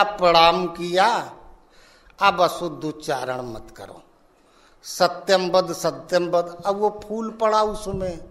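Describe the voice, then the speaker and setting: Spiritual teacher, male; unhurried storytelling sermon, higher-pitched delivery. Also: fairly bright tone. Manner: slow, folksy storytelling with acted-out dialogue.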